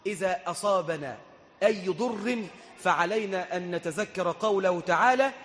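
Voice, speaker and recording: A man with an Egyptian accent preaching, telling stories with humor and chanting scripture verses in an animated way. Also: sits high, normal speed. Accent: Egyptian Arabic. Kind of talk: humorous storytelling sermon. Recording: reverberant hall.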